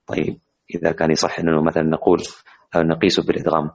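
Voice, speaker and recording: A man teaching the rules of Quran recitation in an online class, explaining with many hesitant, drawn-out fillers. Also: very deep voice, monotone, creaky.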